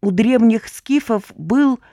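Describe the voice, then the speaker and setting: A fussy, self-important old man, put on by a woman narrator speaks in a weak, trembling voice pushed high above her own. He leans on dramatic pauses as he talks. The recording is dry and close, with no room sound. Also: mellow, dry recording. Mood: conspiratorial. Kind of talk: audiobook character voice.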